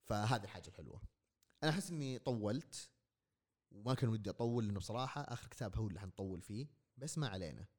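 Guy cohosting a podcast, talks super quick, brisk jumping in. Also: on the low side, expressive, darkish tone. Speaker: podcast co-host. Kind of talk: casual podcast chat.

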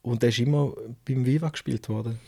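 A man's voice: mid-range voice, fairly even intonation, brisk, vocal fry, warm tone, husky. A man in his thirties with a Swiss German accent, hosting a podcast with friendly, easygoing questions. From Switzerland. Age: 30s. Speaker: podcast host. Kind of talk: casual podcast interview.

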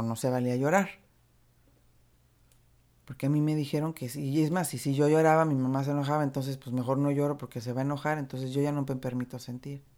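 A Mexican woman with a low voice shares a reflective motivational talk on recovery. Her tone is mellow and soft-edged. She speaks with candid, earthy directness, moving between gentle encouragement and casual profanity.

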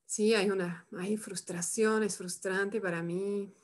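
A woman leading a live workshop, who talks calmly and reflectively and tags her phrases with "¿no?". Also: mid-range voice, slow pace. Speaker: workshop facilitator. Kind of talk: live online workshop demonstration.

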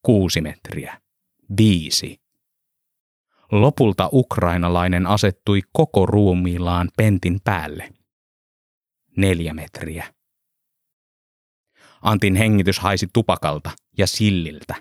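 A man narrating an audiobook story in a steady, matter-of-fact way. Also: sits low, long pauses, no room sound, studio quality.

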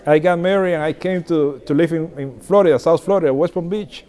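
A man's voice: on the high side, a little fast. A man in his forties from the Dominican Republic, giving an informal talk to pastors with frequent restarts and light laughter. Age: 40s. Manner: warm, self-deprecating, laughs often, frequent restarts. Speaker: pastor speaking to church leaders.

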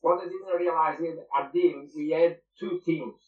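A man's voice: fairly high pitch, fairly even intonation, moderate pace, recorded from a distance. A non-native English-speaking man, a former goalkeeper, looks back on his playing days in an interview. He is emphatic and repeats key phrases. His voice sits back from the mic in a roomy space, with a slightly dull tone. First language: not English. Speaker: former football goalkeeper, guest. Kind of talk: reminiscing interview.

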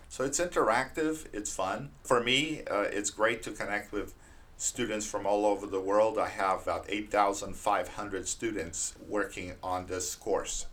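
A middle-aged Romanian man with a Romanian accent appears as a guest, a literacy teacher giving earnest, plain-spoken interview answers. His voice is lowish and a bit bright.

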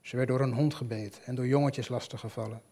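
Mellow-voiced man reading a story. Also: medium pitch. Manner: calm, measured storytelling. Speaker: reader. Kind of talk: scripted narration of a short story.

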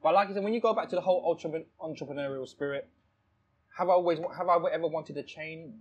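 A man's voice: a little high, fast talker, breathy edge, dull audio. A man from Thailand who owns a restaurant, talking in a casual interview with many restarts and "you know"s. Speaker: restaurant owner. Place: his restaurant, indoors.

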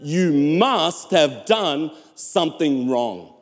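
A pastor from South Africa preaches with a high voice, stretching key words and urging the crowd on. His voice rings through a church hall with a long, trailing reverb. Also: lively intonation, extremely slow. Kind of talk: sermon.

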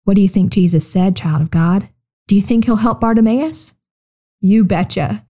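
A woman in her thirties hosting a children's podcast, gently narrating a Bible story and speaking directly to young listeners. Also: medium pitch, moderate pace.

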